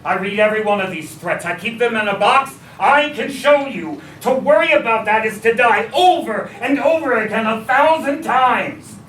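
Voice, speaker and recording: A man's voice: extremely high pitch, expressive, normal speed, few pauses, a bit bright, a little hiss or hum. A man playing a principled, weary, tender President Lincoln in a theatrical staged reading of a musical. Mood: resolute. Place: public staged reading in a restaurant. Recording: echoey room, distant mic, piano music behind.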